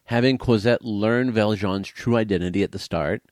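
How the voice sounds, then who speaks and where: A man's voice: on the low side, normal speed, darkish tone, no room sound. A man co-hosting a casual movie chat, dryly teasing his co-host and reading out trivia. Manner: dry, teasing, reads trivia aloud. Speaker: podcast co-host.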